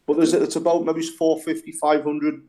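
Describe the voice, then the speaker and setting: A man's voice: on the high side, completely flat delivery, normal speed, dark tone. A man from a tribute band, chatting easily in an interview. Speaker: band member. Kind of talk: casual interview chat.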